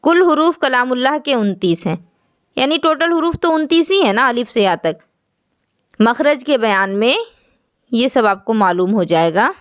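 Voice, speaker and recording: A woman with a slightly high voice teaches an online class. She explains each point patiently and keeps asking her students questions as she goes. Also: expressive. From Jammu, India. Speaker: Quran recitation teacher.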